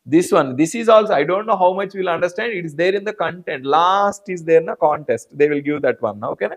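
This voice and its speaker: A man's voice: fairly high pitch, expressive, brisk. A man with an Indian English accent teaching a live online biology class, repeating answers and calling on students by name. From South India. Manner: repetitive, addresses students by name.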